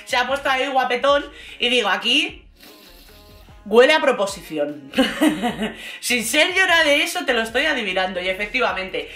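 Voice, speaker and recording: A woman with a Spain Spanish accent gives animated, colloquial commentary on reality TV and laughs often. Her voice sits high and sounds bright and sharp. The recording is made in an echoey room. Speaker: reality TV recap vlogger. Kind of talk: casual commentary.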